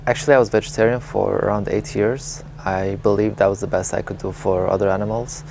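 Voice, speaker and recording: Low gravelly-voiced man from Lebanon. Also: fairly even intonation, brisk, a little mellow, a little hiss or hum. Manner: candid, reflective, with small laughs and fillers. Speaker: interviewee, vegan advocate. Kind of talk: relaxed storytelling interview.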